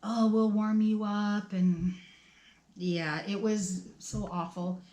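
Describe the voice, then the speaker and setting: A middle-aged woman tells a personal story in a casual vlog, lively and expressive. She laughs between lines and acts out her own thoughts. The voice sits at an ordinary pitch in a roomy, echoing space. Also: takes it slowly. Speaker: storytime vlogger. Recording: roomy echo.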